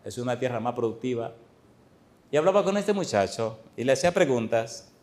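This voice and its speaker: A man's voice: medium pitch, brisk. A middle-aged man, a pastor, preaching a sermon in a church and telling stories with questions to the congregation. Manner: lively storytelling, addressing the congregation with questions.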